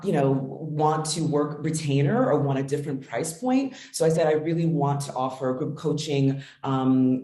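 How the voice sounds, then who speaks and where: A woman's voice: deep voice, warm tone, reverberant. A woman business coach answering interview questions earnestly, with frequent ums.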